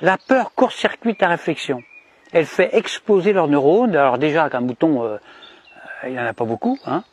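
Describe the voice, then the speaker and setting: A man from DR Congo playing a smug, cunning shepherd in a mock-cheerful satirical monologue with sly, emphatic pitch swings. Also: animated, normal speed, slightly rough. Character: cunning, smug male shepherd boasting of control.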